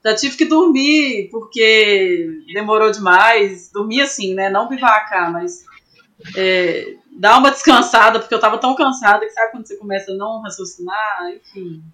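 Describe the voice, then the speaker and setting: A young woman from Brazil telling an animated story in a casual interview, laughing often and acting out what people said. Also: medium pitch, moderate pace. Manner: animated, laughs often, acts out quoted voices. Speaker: climber guest.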